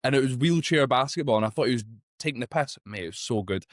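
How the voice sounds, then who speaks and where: A man hosting a podcast, chatty and excitable, swearing casually. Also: medium pitch, fast talker, no room sound, clean studio sound. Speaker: podcast host.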